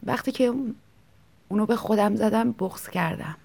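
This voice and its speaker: A woman narrates a short story in an intimate, reflective tone, her mid-range voice carrying a gravelly edge. She reads softly and now and then drops to a near whisper. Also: medium pitch. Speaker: story reader.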